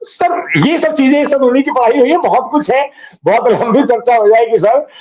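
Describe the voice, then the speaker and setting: High-voiced man rambling over muffled call. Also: normal speed, crowd noise. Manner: rambling, addresses the host as sir constantly. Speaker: guest. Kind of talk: casual reminiscing on a live online program.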